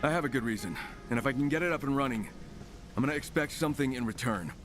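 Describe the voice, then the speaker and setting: An actor playing a self-assured game character who bargains in a dry manner, heard over a walkie-talkie. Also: male voice, medium pitch, expressive, fast talker, over music. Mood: confident.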